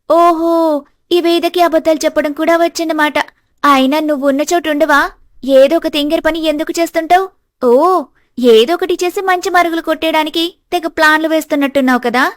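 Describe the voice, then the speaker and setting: Brief: arrogant schemer sister-in-law, voiced by a woman, higher and sneering, storybook. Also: fairly quick, no room sound, close to an everyday voice. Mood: mocking. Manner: mocking, gloating.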